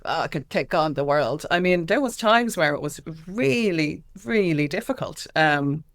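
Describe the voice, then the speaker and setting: An Irish activist, appearing as a guest in a candid interview, speaks emphatically and with real passion. Her voice sits low, with lively intonation and a measured pace.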